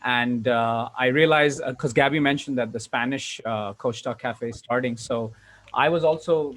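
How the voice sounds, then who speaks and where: Speaking on a noisy online group video call with uneven levels, a Hong Kong man who works as a public speaking trainer and coach shares a personal testimonial with earnest enthusiasm. His voice sits at medium pitch, slightly bright, at a moderate pace.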